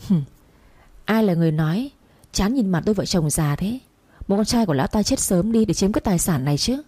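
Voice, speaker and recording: Contemptuous two-timing guy, voiced by a woman, fast and mocking, husky. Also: mid-range voice, lively intonation, dark tone, no room sound. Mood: sneering. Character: sneering treacherous male lover, fake priest.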